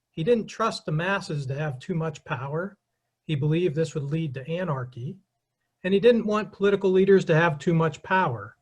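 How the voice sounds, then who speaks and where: Brisk male history lecturer, higher voice. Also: breathy edge. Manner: brisk, explanatory, addresses the audience directly. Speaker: history professor giving a lecture. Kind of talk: short lecture with slides.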